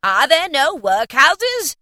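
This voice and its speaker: A woman voicing a stern, sorrowful spirit who speaks in loud, slow, solemn pronouncements. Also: high voice, very animated, no room sound, clean studio sound, pitched above the performer's own voice, heavily acted. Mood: solemn warning.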